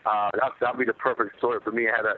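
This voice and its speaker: Over a narrow phone line with faint noise, a professional fighter answers questions on a media conference call, chatting casually and slangily and repeating himself. His medium-pitched voice stays level while he talks at a racing speed.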